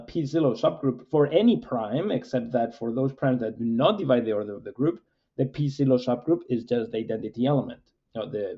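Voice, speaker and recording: A man, a mathematics professor, lecturing with frequent "uh" fillers in a measured, explanatory way. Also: medium pitch, dark tone, muffled recording.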